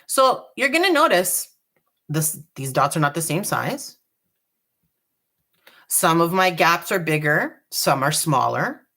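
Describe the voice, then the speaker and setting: A woman hosting a live dot painting tutorial, chatty and relaxed, joking about her own nerves. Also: on the low side, slow pace, pauses often. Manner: chatty, relaxed, self-deprecating. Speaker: craft tutorial host.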